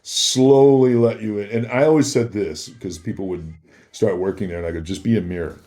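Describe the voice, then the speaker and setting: Speaking a little fast in a lowish, mellow voice, this podcast guest shares casual stories from his days in celebrity security. He performs the remembered conversations as he recounts them.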